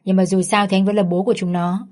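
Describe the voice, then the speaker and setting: A woman's voice: mid-range voice, flat delivery, fast, darkish tone, close to an everyday voice. Woman voicing a weary stern old grandmother. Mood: reproachful. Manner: weary, reproachful. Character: stern grieving elderly grandmother.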